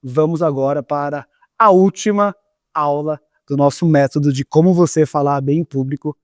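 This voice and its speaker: A man with a Brazilian Portuguese accent teaching a lively online lesson on speaking, coaxing viewers into exercises and demonstrating different ways of talking. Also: fairly high pitch, normal speed, dry recording, clean studio sound. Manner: energetic, coaxing, demonstrates voice styles. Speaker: communication teacher.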